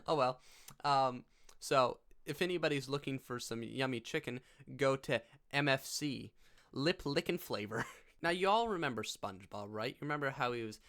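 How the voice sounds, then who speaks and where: A man's voice: mid-range voice, fairly bright tone. A man hosting a casual reaction vlog, talking in a goofy, rambling way. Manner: goofy and rambling, laughs often. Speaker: YouTuber.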